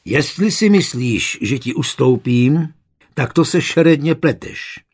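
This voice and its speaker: A man's voice: on the high side, huge pitch swings, a little mellow, pitched above the performer's own voice, heavily acted. A man voicing a tall, hot-tempered young craftsman who speaks threateningly, in a storybook reading.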